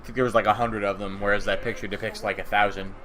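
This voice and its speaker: A man casually commentating a strategy game at home, relaxed and rambling, thinking aloud, a bit sleepy. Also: fairly low pitch, quick pace, a little hiss or hum. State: sleepy, just woke up. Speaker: gaming channel host. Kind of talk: casual let's-play commentary.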